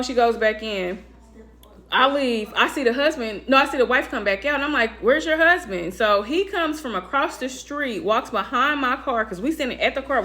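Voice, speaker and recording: High-voiced animated woman telling a story. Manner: animated, acts out quoted voices with big pitch jumps. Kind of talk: casual storytime vlog.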